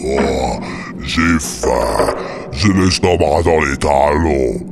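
A man voicing a hungry giant turtle monster grumbling gruffly in a children's story. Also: a bass voice, drawn-out words, background noise, voice pushed down, full character voice.

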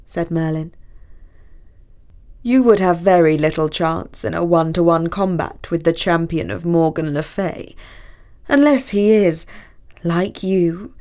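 A woman voicing an old male wizard who speaks in a measured, grave way. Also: on the low side, darkish tone.

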